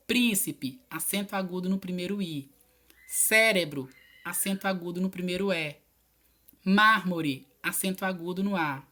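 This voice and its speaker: A woman teacher talks her class through homework answers in a recorded video lesson. She is patient and encouraging, and she stresses each word as she spells it out. Her voice sits at an ordinary middle pitch. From Piauí, Brazil.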